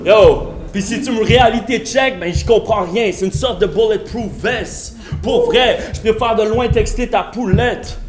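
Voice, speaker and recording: Taunting Québécois battle rapper, roomy hall. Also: male voice, high-pitched, measured pace, hardly any pauses, loud music behind the voice. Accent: Québécois French. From Quebec. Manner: taunting, punchy insults with English slang mixed in. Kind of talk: a cappella rap battle verses. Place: indoor battle venue.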